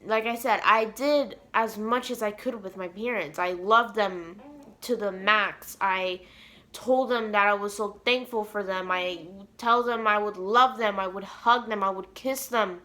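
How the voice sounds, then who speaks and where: A young woman telling an emotional storytime vlog in an earnest, rambling way, full of fillers like "like" and "you know". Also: medium pitch. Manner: emotionally animated retelling. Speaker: vlogger.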